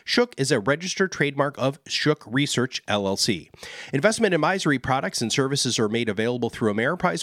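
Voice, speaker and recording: A man reading a long, scripted legal disclaimer in a steady, formal way. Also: mid-range voice, no room sound, clean studio sound. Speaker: disclaimer announcer.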